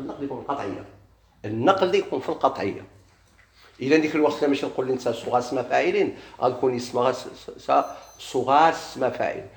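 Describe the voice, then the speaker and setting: A male grammar teacher with a Moroccan Arabic accent leads a classroom lesson in a roomy, echoing room. He questions his students again and again and stretches the example words out slowly. His voice sits at an ordinary middle pitch. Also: creaky.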